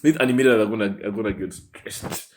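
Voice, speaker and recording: A man's voice: lowish voice, fast, noisy background. A young man from Africa co-hosting a podcast, chatting in slang with frequent laughs and restarts. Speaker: podcast co-host. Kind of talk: casual chat.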